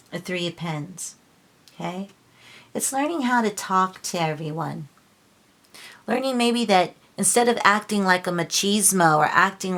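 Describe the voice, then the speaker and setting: A woman's voice: fairly low pitch, a bit bright. A woman giving a casual tarot reading on her channel, earnest and preachy, often restarting her sentences and getting emotional. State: emotional, near tears. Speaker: tarot reader.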